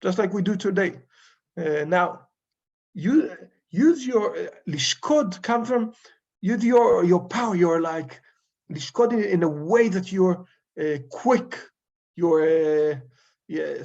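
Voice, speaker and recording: A male rabbi teaches an informal Torah study group in a somewhat high voice with gravelly fry, sounding expressive and a little mellow. He speaks haltingly, pausing often as he searches for English words, and the recording is dull and lo-fi.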